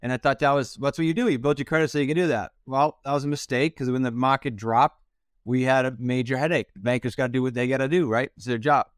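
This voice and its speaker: A middle-aged man from Rhode Island answering interview questions as a guest, in a brisk, matter-of-fact way. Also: mid-range voice, smooth, dry recording, clean studio sound. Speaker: guest, real estate investor.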